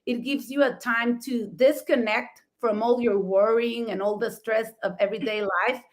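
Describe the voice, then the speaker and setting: Speaking at normal speed in a slightly high voice with fairly even intonation, a middle-aged florist from Mexico tells her story as a talk show co-host. Spanish is her first language and she has a Mexican accent; she's enthusiastic, laughs often, and regularly rephrases with "I mean."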